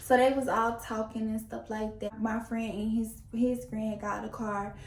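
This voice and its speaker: Lively young woman telling a story. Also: fairly high pitch, unhurried, a little hiss or hum. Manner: animated, slangy, acts out quotes. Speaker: vlogger. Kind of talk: casual storytime narration. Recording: echoey room.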